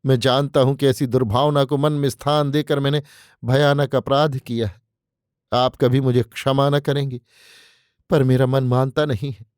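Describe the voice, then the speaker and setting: A man's voice: medium pitch, flat delivery, normal speed, darkish tone, no echo, clean studio sound, natural voice. A male narrator voicing a scheming young man who confesses devotion in flowery, pleading words, read as an audiobook character.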